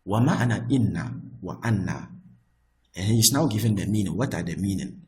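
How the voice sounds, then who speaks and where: A man's voice: fairly low pitch, animated, normal speed, warm tone, a little hiss or hum, rough recording. A man teaching Arabic grammar in English, explaining a classic text and often restarting his phrases and repeating words.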